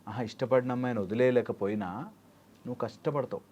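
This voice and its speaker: A man's voice: mid-range voice, fairly even intonation, quick pace, a little mellow, highs cut off. Male life coach in an interview, advising through homely examples with English phrases mixed in. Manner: explains with everyday examples, mixing English phrases. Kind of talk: interview answers.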